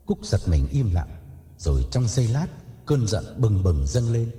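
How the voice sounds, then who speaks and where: Dark-voiced male story narrator. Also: on the low side, very animated, a little slow. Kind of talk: dramatic audio story narration. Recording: echoey reverb with faint music.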